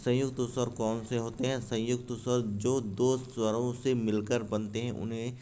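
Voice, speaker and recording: A man's voice: mid-range voice, little pitch movement, normal speed, dark tone, slight background noise. A man teaching grammar for an exam from handwritten notes, calling viewers friends and asking and answering his own questions. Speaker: exam-prep YouTube teacher.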